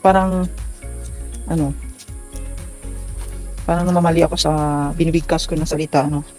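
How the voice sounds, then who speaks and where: Halting young man showing his garden. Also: a little high, steady tone, darkish tone, faint music behind, rough recording. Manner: halting, many fillers, stumbles over words. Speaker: farming vlogger. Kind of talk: casual vlog walkthrough. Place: outdoors in a bean garden.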